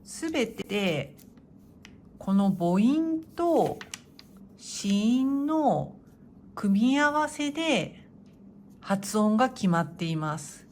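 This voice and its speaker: A woman teaching hiragana, calmly reading the kana one by one and explaining how to write them. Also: medium pitch, drawn-out words, long pauses, a little hiss or hum. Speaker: Japanese teacher.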